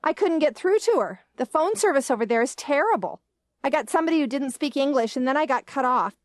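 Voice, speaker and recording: A woman voicing an indignant, excitable grown daughter who complains loudly in a storybook reading. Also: high voice, brisk, dry recording, clean studio sound, voice pushed up. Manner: outraged, complaining.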